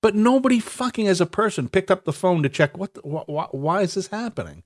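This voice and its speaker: Fairly quick and high-pitched, this man talks with lively intonation. As a congested podcast co-host, he rambles through casual, foul-mouthed banter, tripping into stammered restarts and breaking into laughs.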